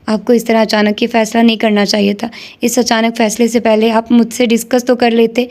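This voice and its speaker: A woman voicing a stern, protective young male police officer who speaks gravely. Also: fairly high pitch, little pitch movement, darkish tone, natural voice. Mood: serious.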